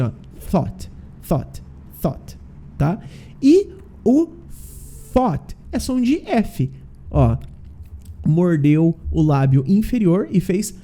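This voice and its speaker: Brazilian male teacher, dark mellow tone, animated delivery, patient drills. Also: high-pitched. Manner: explains slowly, drills pronunciation, asks "né?" and "tá?". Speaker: English teacher. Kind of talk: casual online lesson.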